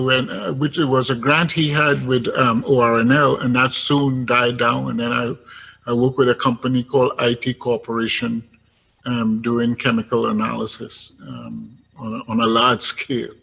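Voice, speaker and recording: An older man from Trinidad, a guest recounting his career in a relaxed, hesitant way. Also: mid-range voice, moderate pace, creaky, breathy edge, poor audio. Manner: hesitant, many ums and restarts. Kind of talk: casual interview talk.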